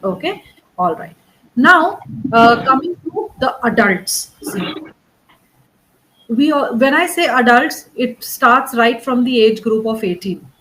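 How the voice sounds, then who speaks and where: A woman with a fairly high, bright, expressive voice tutors English one-on-one, taking it slowly as she patiently corrects grammar and pronunciation. She keeps checking understanding with "right?" and "correct?", and the recording quality is low.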